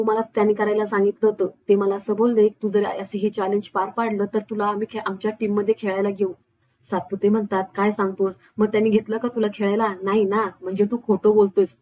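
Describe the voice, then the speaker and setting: A woman recapping a TV serial episode, retelling the characters' dialogue in a steady, even voice. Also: mid-range voice, husky, no echo, poor audio. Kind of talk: storytelling recap with quoted dialogue.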